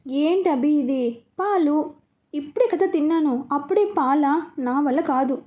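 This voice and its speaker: A woman voicing a sweet young wife who speaks softly and pleadingly in a storybook reading. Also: sits high, measured pace. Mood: sulky.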